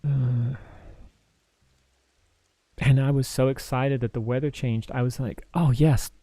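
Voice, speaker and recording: A mentally exhausted man co-hosting a livestream chat, talking in halting starts and restarts. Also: medium pitch, little pitch movement, dark tone, dry recording. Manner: halting, restarts often, tired. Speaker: streamer and co-host.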